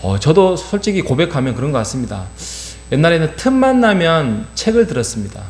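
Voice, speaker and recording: A man's voice: a little high, big pitch swings, a little fast. Male pastor, middle-aged, early-morning sermon, earnest, rhetorical questions, roomy church, faint hum. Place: church sanctuary.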